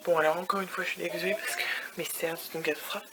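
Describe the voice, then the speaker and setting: A woman's voice: on the low side, fairly even intonation, fast, heavy background noise. A woman vlogging from her hotel room in a chatty, rambling way, scattering English words through her talk and sometimes dropping to a whisper. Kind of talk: casual vlog chat.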